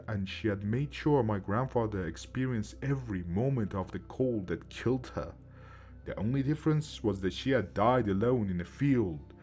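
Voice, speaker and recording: A man reading a first-person horror story aloud in a steady, measured way. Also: fairly low pitch.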